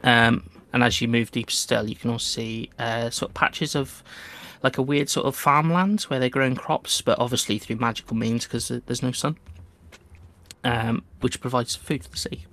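Male game master, mid-pitched with plenty of vocal fry, casual tabletop storytelling. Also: moderate pace, a bit bright.

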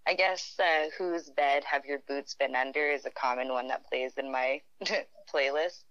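A woman from Ontario, Canada, chatting as a podcast guest in a relaxed, talkative way, laughing often. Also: rumbling low, normal speed, dry recording, highs cut off. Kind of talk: casual podcast chat.

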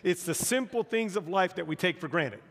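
This American guest missionary has a high-pitched, animated, fairly bright voice at a moderate pace, echoing with big-room sound. Standing in a large church auditorium, he tells the congregation funny stories as part of his sermon.

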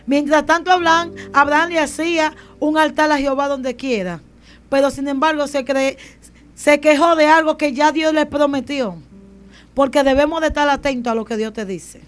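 A woman's voice: high-pitched, fairly even intonation, normal speed, soft background music. A woman preacher delivering a sermon and then a fervent, building prayer. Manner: fervent, builds to loud intercession.

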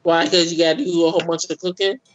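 A woman's voice: on the low side, little pitch movement, fast talker, muffled recording, slight background noise. A woman making casual, teasing banter among friends.

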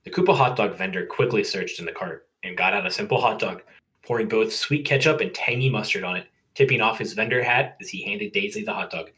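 A man's voice: fairly low pitch, brisk, bright, forceful tone. A young man co-hosting a podcast, reading a fan story aloud with crude jokes and laughter. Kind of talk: casual comedic story reading.

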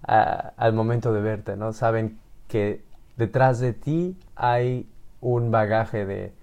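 A man's voice: lowish voice, slow pace, creaky, a little mellow, clear, resonant tone. A man with a Mexican accent hosting a podcast interview, chatty and curious, repeating words as he thinks aloud. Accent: Mexican Spanish. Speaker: podcast host. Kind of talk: casual interview.

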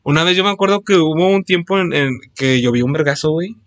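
A man's voice: on the high side, fast talker, fairly bright tone, no room sound. A young man with a Mexican accent chatting casually, full of slang, telling school stories. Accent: Mexican Spanish. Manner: slangy, says "güey" constantly, laughs as he tells stories. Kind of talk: casual chat.

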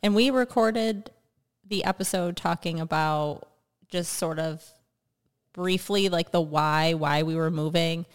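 Casting: American female podcast co-host, lowish voice, casual chat, big hall echo. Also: a little slow, smooth. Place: indoors in an unfurnished house. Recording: echoey empty room, hall-like reverb.

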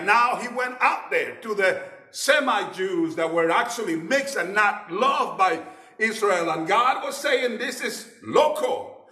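High animated preacher guy, emphatic sermon, echoey room. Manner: emphatic, calls out to a scripture reader. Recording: echoey church hall.

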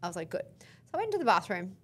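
A woman's voice: medium pitch, racing, background noise. An Australian woman in her thirties, co-hosting a casual podcast chat and telling a story with acted-out quotes. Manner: lively storyteller acting out quotes. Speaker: podcast co-host.

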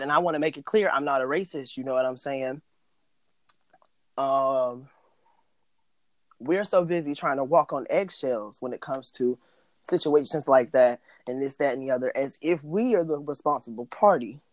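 A man's voice: mid-range voice, dry recording. A man co-hosting a casual podcast, speaking frankly and rambling with many restarts and fillers. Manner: frank, tells it like it is. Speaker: podcast co-host. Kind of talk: casual chat.

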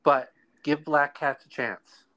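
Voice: mid-range voice, fairly even intonation, slow pace, fairly bright tone, poor audio. A podcast host with a Brooklyn accent, talking conversationally and earnestly, repeating phrases for emphasis.

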